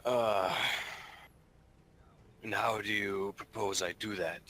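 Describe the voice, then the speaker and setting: Hesitant low-voiced male game player. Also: steady tone, takes it slowly, fairly bright tone, a little hiss or hum. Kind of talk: casual game-table chat.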